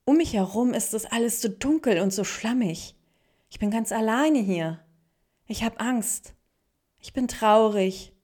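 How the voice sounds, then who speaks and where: A woman's voice: on the high side, animated, slow pace, a little mellow, pitched above the performer's own voice. A woman voicing a small, timid lotus seed that speaks in a wide-eyed, plaintive, childlike way.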